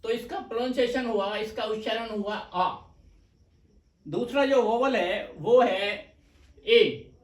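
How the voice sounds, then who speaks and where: A man gives a shorthand lesson in a slow, patient way, stretching out sounds and repeating examples. His voice sits high. It comes through roomy and echoing, a little far from the mic. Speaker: stenography teacher. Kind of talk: slow explanatory lecture. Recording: echoey room, voice off-mic.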